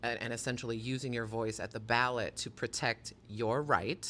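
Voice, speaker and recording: A man speaks with passion and firm emphasis about the festival he helps organize. His voice is bright and forceful, and he is interviewed for a podcast inside a museum. A faint ambient hum sits beneath his words. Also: medium pitch, steady tone, moderate pace. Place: museum near a university campus.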